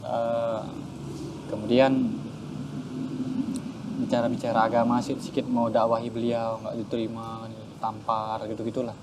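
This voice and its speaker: A man telling his personal conversion story in a casual interview, animated and acting out his parents' voices. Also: medium pitch, a little slow, pauses often, heavy background noise. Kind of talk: casual spoken testimony.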